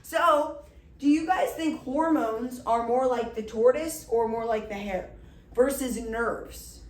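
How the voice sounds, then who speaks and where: A woman's voice: fairly high pitch, unhurried, warm tone, distant mic. Woman teacher, upbeat lecture, enthusiastic and chatty, echoey room.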